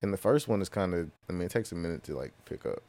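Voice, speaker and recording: A man's voice: deep voice, animated, fast talker, mellow. A young man from North Carolina co-hosting a casual podcast, joking around, rambling, and asking his co-host lots of questions. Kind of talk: casual chat.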